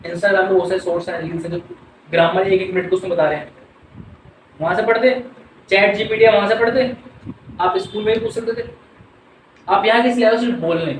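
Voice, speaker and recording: A man's voice: sits high, steady tone, a little fast, pauses often, echoey room, recorded from a distance, a little hiss or hum, poor audio. A man with an Indian accent teaching an English class, mixing Hindi and English, drilling words and questioning his students.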